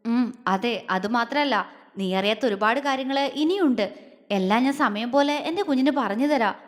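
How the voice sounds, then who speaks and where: Female reader playing a stern but tender man, calm and reassuring, long reverb on the voice. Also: on the high side, moderate pace, natural voice. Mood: serious. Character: grown man, protective, stern, tender lover.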